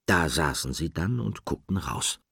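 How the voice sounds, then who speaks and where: A man narrating a children's audiobook in a calm, deliberate storytelling manner. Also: rumbling low, creaky, husky, dry recording, clean studio sound.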